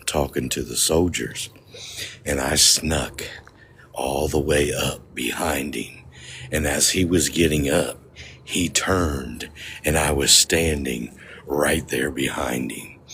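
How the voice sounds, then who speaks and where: A man's voice: very deep voice, gravelly, a bit bright, slight background noise. A man telling a story outdoors in a cemetery at night, joking, swearing and laughing often as he talks to his livestream audience. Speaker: paranormal vlogger.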